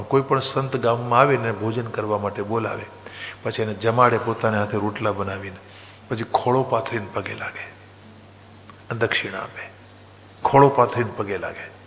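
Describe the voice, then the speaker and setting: A man's voice: medium pitch, pushed and bright, big-room sound. A man from Junagadh, Gujarat, telling a devotional story as a katha preacher, chanting verses and then explaining them.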